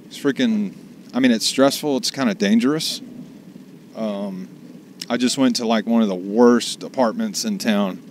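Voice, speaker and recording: A man's voice: fairly low pitch, moderate pace, slight background noise. A man chatting casually to the camera while driving for food deliveries, rambling and salty. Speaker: delivery driver vlogger. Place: in a car.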